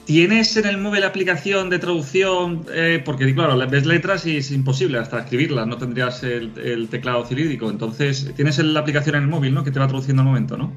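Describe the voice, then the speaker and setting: A man's voice: a little high, quick pace, few pauses, highs cut off, soft background music. Curious Spanish man asking questions. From Spain. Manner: curious, asks many questions. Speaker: host. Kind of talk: casual interview chat.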